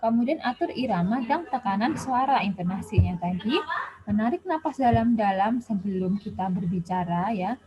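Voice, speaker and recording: A woman gives a relaxed spoken lecture, chatting along with plenty of fillers. Her voice sits at a middling pitch for a woman. The recording is dull and muffled, like a basic lo-fi voice memo. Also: moderate pace. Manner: chatty, with many Javanese-flavored casual fillers. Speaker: health education lecturer.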